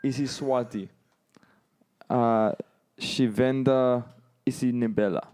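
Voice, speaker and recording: A man from South Africa with a South African accent, chatting as a podcast guest in a brash, profane, excitable way. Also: mid-range voice, takes it slowly, slight background noise. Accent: South African, with American slang. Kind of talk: casual chat.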